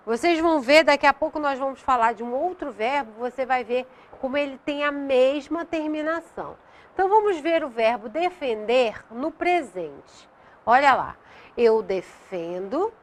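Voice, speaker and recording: Slow-speaking high-voiced woman teacher. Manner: slow, deliberate, drawn-out conjugations; addresses students directly, frequent "né?" and "olha". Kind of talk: classroom lesson for adult learners.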